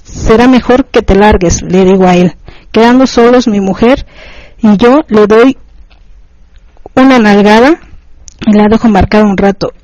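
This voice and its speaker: A woman reading a first-person erotic story aloud, in steady, even short phrases. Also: medium pitch, a little slow, pauses often, no echo, muffled recording. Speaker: narrator.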